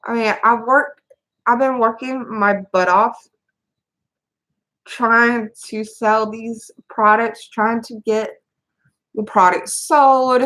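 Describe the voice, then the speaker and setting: A mother of three venting to her camera, halting and rambling with many restarts as she holds back tears. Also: on the high side, steady tone, a bit bright, rough recording. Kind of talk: tearful personal venting to camera.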